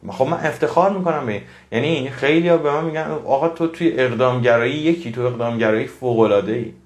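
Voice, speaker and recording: An earnest male motivational speaker talks straight to his audience, preaching and repeating phrases to drive home a point. His mid-pitched voice sounds roomy, with a clear echo around it.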